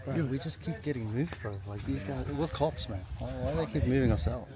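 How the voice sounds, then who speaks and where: A man's voice: medium pitch, a little fast. Drawling man saying bro a lot. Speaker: friend in the skit. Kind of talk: casual improvised banter. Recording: noisy public place with crowd.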